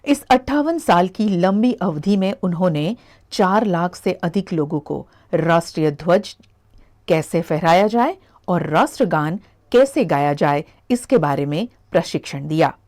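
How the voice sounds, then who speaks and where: A woman narrates a television news report in a steady, formal reading voice. Her voice sits fairly low and the delivery stays measured throughout. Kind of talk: scripted news voice-over.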